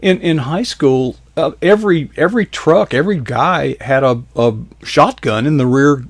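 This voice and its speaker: A man from the American South hosts a talk show, spinning rambling, folksy stories that he laughs his way through in a casual chat. His voice is fairly high and his pace moderate, with no room sound.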